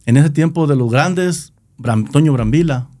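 A man's voice: on the high side, a little slow, mellow, no echo. A middle-aged man with a Nayarit Mexican Spanish accent, founder of a band, telling his story in a casual interview, rambling and repeating words.

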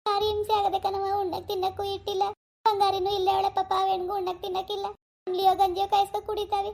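A woman's voice: high voice, flat delivery, fast, dark tone, natural voice. A woman voicing a young married village daughter in a cartoon, nervous and pleading. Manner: nervous, pleading, tearful begging. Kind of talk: cartoon voice acting.

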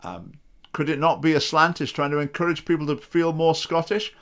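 Speaking fairly quickly in a level, somewhat bright voice on the high side, this Englishman in his fifties comments on politics to his webcam from a home study. As a party spokesman, he's opinionated and sarcastic, imitating quoted voices to mock them.

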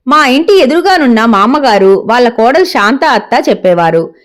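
A woman voicing a modest, soft-spoken young college student in a read-aloud story, with a gentle, polite manner. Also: a little high, sing-song, moderate pace.

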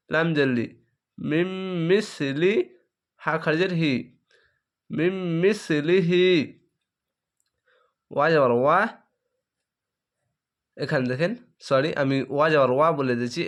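A man teaching Quran reading, spelling each syllable aloud and then joining them, with drawn-out chanting of verses. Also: on the high side, fairly bright tone. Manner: drawn-out melodic recitation of verses. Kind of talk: slow letter-by-letter Quran spelling lesson.

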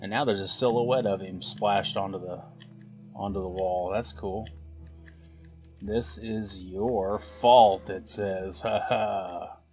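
Slow, low-voiced man thinking aloud. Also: steady tone. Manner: thinks aloud, puzzling through, wry asides. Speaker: let's play host. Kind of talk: gameplay commentary. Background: game music.

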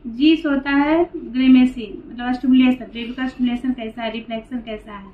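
Higher-pitched woman explaining step by step. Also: fairly even intonation, fairly quick, roomy sound, narrow, tinny audio, slight background noise. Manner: explains step by step, plainly and patiently. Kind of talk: hands-on medical demonstration.

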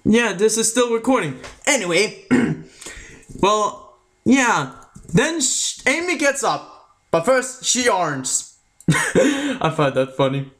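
High, slow-talking male reviewer; casual, halting, self-correcting delivery with a half-American, half-British sound. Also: big pitch swings, a bit bright. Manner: halting, restarts sentences often. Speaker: video reviewer. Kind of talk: casual spoken video review.

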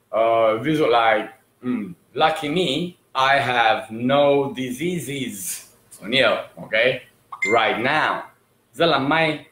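A man teaching English on a livestream, slowly drawing out words so viewers can repeat the pronunciation. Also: mid-range voice, fairly bright tone. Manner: slow, drawn-out words for drilling pronunciation. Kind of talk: livestream language lesson. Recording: echoey room.

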